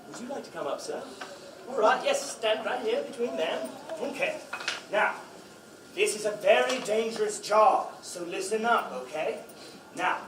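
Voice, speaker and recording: A man's voice: sits high, noisy background. A man acting in a children's play who leads audience volunteers with an upbeat, coaxing, playful manner. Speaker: actor leading audience volunteers. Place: library event room. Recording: echoey room from far off.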